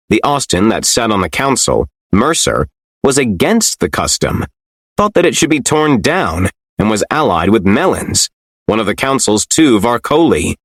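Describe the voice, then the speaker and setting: Low-voiced man narrating an audiobook. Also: no room sound, studio quality. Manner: expressive, lively storytelling. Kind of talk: scripted fiction narration.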